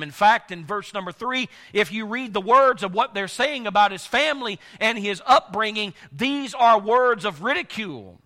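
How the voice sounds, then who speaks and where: In a large hall, a male pastor with a high voice preaches a sermon while congested, his voice almost gone. His slow, emphatic delivery swings between soft and loud.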